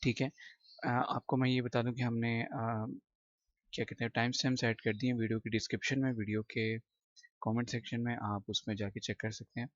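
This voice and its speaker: A man's voice: medium pitch, flat delivery, a little fast, no echo, dull audio. A male English teacher giving a recorded lesson, explaining each word patiently and often repeating himself. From Pakistan.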